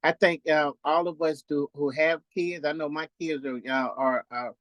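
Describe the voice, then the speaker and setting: A man in his fifties joins a faith-based Q&A discussion and talks in halting phrases with many restarts and fillers. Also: a little high, fairly even intonation, fairly bright tone, no echo. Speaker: participant on a call-in Q&A.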